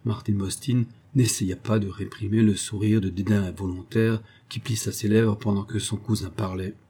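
A man reading a classic novel aloud as narrator, in a steady, measured way. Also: on the low side, breathy edge. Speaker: audiobook narrator.

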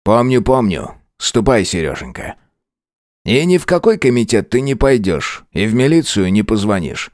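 A man's voice: fairly low pitch, big pitch swings, moderate pace, darkish tone, no echo, studio quality, voice pushed up. A man doing a mocking old professor. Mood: soothing. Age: older. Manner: mocking and teasing.

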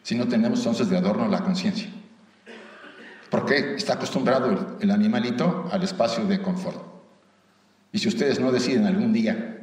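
A man's voice: lowish voice, normal speed, pauses often, a little mellow. A man with a Mexican accent gives a conversational spiritual lecture to a live audience, often asking them rhetorical questions and adding light humor. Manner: light humor mixed into the teaching. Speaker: lecturer at a theosophical society. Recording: roomy hall echo, voice from far off.

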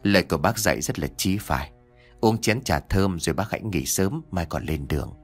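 A man's voice: lowish voice, big pitch swings, brisk, faint music behind. A man voicing an older village chief in an audio story, speaking humbly and earnestly. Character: older male village chief, kind, remorseful.

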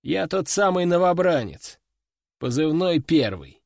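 A man doing a glum deadpan young recruit. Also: fairly high pitch, unhurried, gravelly, no echo, studio quality, full character voice. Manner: flat, mournful delivery. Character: gloomy young male recruit, deadpan and sincere.

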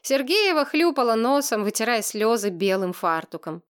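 A woman reads a children's story aloud in the first person with lively, expressive delivery. Her voice sits fairly high and moves with the scenes she tells. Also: moderate pace, smooth. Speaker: audiobook narrator. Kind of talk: scripted first-person narration.

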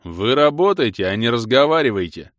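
A man's voice: medium pitch, very animated, normal speed, fairly bright tone, dry recording, studio quality, voice pushed up. A man voicing a stern, officious male town guard who brooks no objection, in a fantasy game audiobook.

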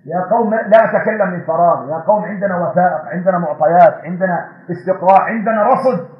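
A man preaching an impassioned sermon with rising, shouted repetitions. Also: high-pitched, quick pace, reverberant, narrow, tinny audio. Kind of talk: fiery Friday sermon.

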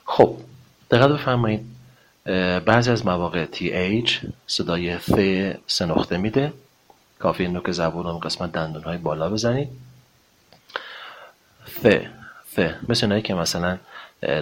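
A man teaching English pronunciation, speaking politely and formally with many hesitations, then drawing out model words slowly for learners to repeat. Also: low-pitched, a little hiss or hum. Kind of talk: spoken pronunciation lesson.

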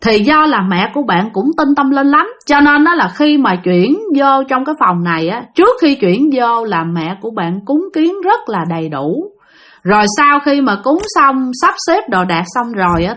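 A woman narrating ghost stories sent in by listeners, in a chatty, animated way that speaks straight to the audience. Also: on the high side, moderate pace. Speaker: storyteller host of a ghost-story channel. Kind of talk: storytelling narration.

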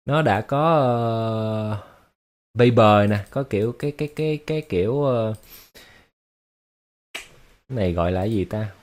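A man's voice: lowish voice, measured pace, long pauses, darkish tone. A man hosting a casual livestream, talking to his viewers in an explanatory way, with lots of fillers and repeated words. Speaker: livestream host.

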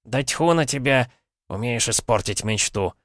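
A man's voice: mid-range voice, animated, unhurried, fairly bright tone, no room sound, clean studio sound, voice pushed up. A man voicing a fretful male grapevine spirit who complains and frets, in an audiobook. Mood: indignant. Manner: complaining, exasperated.

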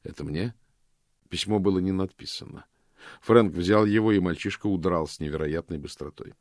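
A man narrating an audiobook in a steady, measured storytelling manner. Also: low voice, no echo, clean studio sound. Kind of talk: scripted narration.

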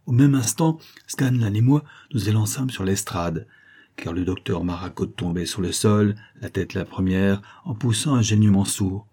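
A man narrating a novel as an audiobook, in measured, dramatic storytelling. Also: lowish voice, mellow, husky.

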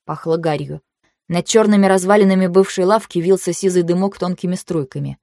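Woman reading a fantasy book aloud, low steady voice, super dry recording. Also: a little fast, no echo. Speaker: audiobook narrator. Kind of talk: first-person fantasy narration.

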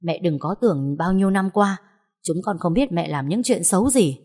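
A woman's voice: low-pitched, moderate pace, mellow. A woman voicing an earnest grown son who pleads with and then scolds his mother, in a storybook reading. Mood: scolding.

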